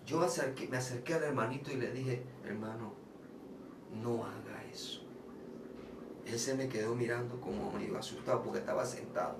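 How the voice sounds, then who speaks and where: A man preaching a personal testimony sermon in an earnest way, repeating phrases and going soft when he quotes himself. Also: medium pitch, fairly even intonation, quick pace, gravelly, few pauses, background noise. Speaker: lay preacher. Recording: echoey distant room with faint ambience.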